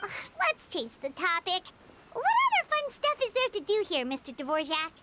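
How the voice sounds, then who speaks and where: A woman voicing a tiny, excitable female companion sprite who talks about herself in the third person, in bossy, teasing game dialogue. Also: extremely high pitch, moderate pace, very noisy, full character voice. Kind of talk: video game voice acting. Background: loud game music.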